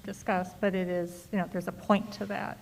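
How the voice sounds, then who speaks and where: A woman talks through an N95 mask at a board meeting. Her voice is creaky and stays flat in pitch, with long hall reverb around it. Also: moderate pace. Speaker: school board member. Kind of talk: meeting discussion. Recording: echoey hall.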